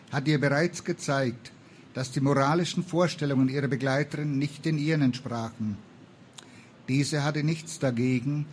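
Man reading aloud, calm storytelling, faint background noise. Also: mid-range voice. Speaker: reader.

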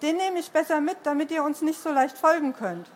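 A woman's voice: high voice, expressive, a little fast, a little hiss or hum. Woman reading as a smug male villain.

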